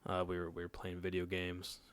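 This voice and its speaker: Speaking briskly in a deep, completely flat voice, this nineteen-year-old man co-hosts a casual podcast. He shares a personal story in a relaxed way, frequently pausing to check in with listeners.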